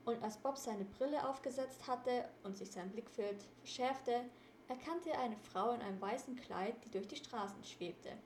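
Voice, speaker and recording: Brief: female storybook reader, fairly high voice, steady delivery, echoey room. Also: normal speed, a little hiss or hum. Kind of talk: storybook reading. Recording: roomy echo.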